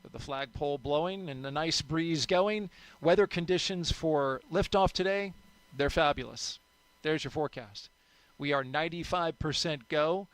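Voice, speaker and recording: A man's voice: a little high, moderate pace, fairly bright tone, no room sound, rough recording. A man giving upbeat, chatty live commentary as a launch broadcast host.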